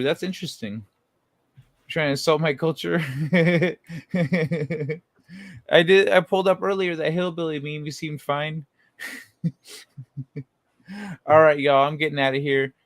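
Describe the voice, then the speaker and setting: A man's voice: fairly high pitch, fairly even intonation, a little slow, long pauses, no room sound. A young man hosting a late-night livestream, chatting in a laid-back, rambling way and laughing often. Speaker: livestream host. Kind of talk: casual late-night chat.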